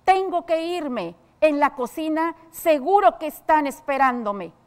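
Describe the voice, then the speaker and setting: A woman's voice: fairly high pitch, moderate pace, a little mellow, close to an everyday voice. A woman voicing a female household servant from a play in a dramatized reading, giving a line about being needed in the kitchen. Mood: angry.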